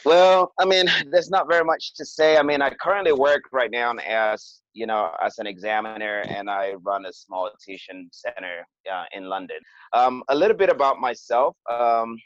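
A podcast guest from Cameroon shares his experiences hesitantly, full of fillers and restarts, in a conversational interview. His mid-range voice moves at a moderate pace with no echo, though the recording sounds dull and lo-fi.

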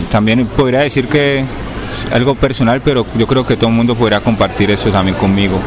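Street noise and passing vehicles surround a young Colombian rapper from Cali as he gives a casual interview in a Cali accent. His mid-range voice comes out haltingly, full of fillers and restarts, and he keeps asking "me entendés?" to be sure he's understood.

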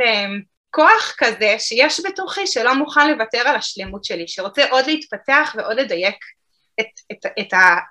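A woman calmly explaining emotional eating to an interviewer, in a reflective, explanatory way. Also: fairly high pitch. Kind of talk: podcast interview answers.

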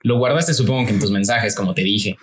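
A man's voice: fairly low pitch, fast. A man from Mexico with a Mérida accent, co-hosting a podcast in casual, joking chat and teasing his friend. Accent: Mérida, Yucatán Mexican Spanish. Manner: joking, teasing, laid-back. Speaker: podcast co-host.

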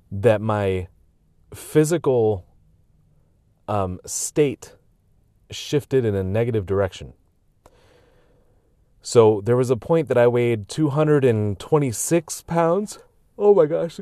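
Tired man with a low voice, reflective vlog chatter full of ums, recorded dry. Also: dark tone, no room sound. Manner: rambling, reflective, with many fillers and restarts. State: tired, with hiccups. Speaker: vlogger. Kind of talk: casual personal monologue.

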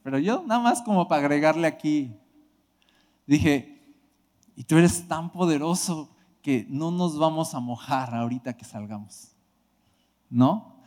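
Man, preacher, high voice, emotional storytelling, hall echo. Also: a little slow, long pauses. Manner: emotional, animated storytelling with shouted outbursts. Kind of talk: sermon testimony. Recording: hall reverb.

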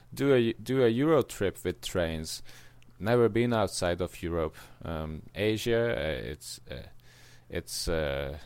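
A young Hungarian man with a Hungarian accent co-hosts a casual podcast chat. His mid-range voice is recorded cleanly without echo, and he speaks reflectively, restarting his sentences often.

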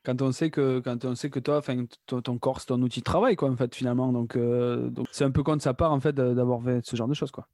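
A man's voice: medium pitch, steady tone, fast talker, hardly any pauses, darkish tone, dry recording, studio quality. A man hosting a casual chat, talkative and repeating words while he hunts for the right one. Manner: chatty, repeats himself while searching for words. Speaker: podcast host, teacher.

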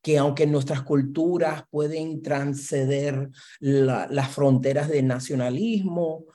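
Reflective answers come from a Brooklyn-born academic guest whose Spanish carries a Puerto Rican-influenced accent, peppered with English words and frequent "¿verdad?" tags. He takes his time, his slightly high voice steady and warm.

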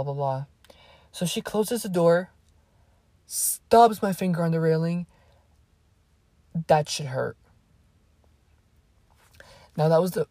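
Low husky teenage girl vlogging. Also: warm tone, no room sound. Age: teens. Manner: rambling and profane, with fillers and asides. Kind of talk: casual storytelling to camera.

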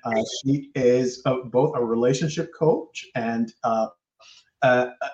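A man's voice: mid-range voice, slow pace, darkish tone. A man hosting a podcast in casual chat, rambling and jokey, often laughing between phrases. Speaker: podcast host. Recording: roomy, slightly dull sound.

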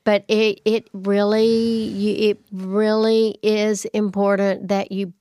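A woman's voice: mid-range voice, flat delivery, takes it slowly, mellow, dry recording, studio quality. A woman co-hosting a self-care podcast, reading topics aloud and chatting in a rambling way with asides. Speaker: podcast co-host. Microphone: studio microphone.

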